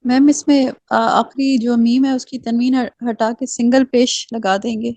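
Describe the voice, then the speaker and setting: A woman's voice: on the high side, fairly even intonation, mellow. A woman student answering her teacher's question in class, tentative and hesitating mid-answer.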